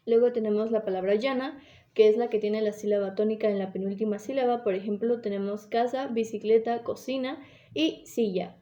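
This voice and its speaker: Woman, hesitant class presentation, fairly high voice, mellow tone, frequent self-corrections. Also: lo-fi sound.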